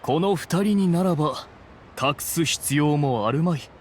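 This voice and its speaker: A man's voice: a little high, unhurried, a little hiss or hum, natural voice. A man voicing an imperious, composed ancient immortal in human guise for an anime game, with old-fashioned grandiose wording. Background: faint music.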